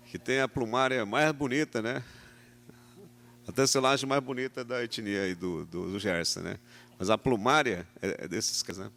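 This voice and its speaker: A man's voice: medium pitch, a bit bright. A middle-aged man with a Brazilian Portuguese accent telling a personal story to an audience, acting out the voices he quotes. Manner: anecdotal, tag questions, acts out quoted voices. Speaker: speaker at a talk. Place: event hall.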